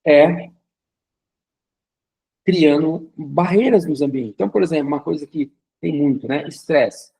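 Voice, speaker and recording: Gravelly-voiced man teaching a class. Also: a little high, unhurried, long pauses, dark tone, rough recording. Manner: conversational, uses vivid hypothetical examples; frequent checking fillers. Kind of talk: recorded lecture.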